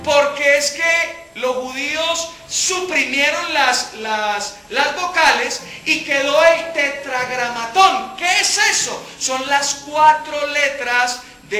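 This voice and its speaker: Animated woman teaching scripture. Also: high voice, slow, hardly any pauses. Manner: animated, acts out scripture quotes, asks rhetorical questions. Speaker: Bible study teacher. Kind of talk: Bible study sermon. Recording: echoey hall with faint music.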